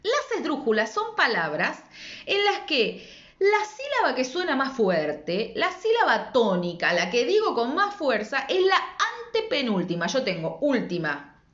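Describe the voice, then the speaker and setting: A woman teacher with an Argentine Spanish accent walks through spelling rules in a patient, didactic way, her fairly high voice rising and falling a lot. She keeps checking in with quick rhetorical questions. The recording is dull and lo-fi, in an echoey room. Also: wildly swooping pitch, fairly bright tone. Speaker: secondary school language teacher.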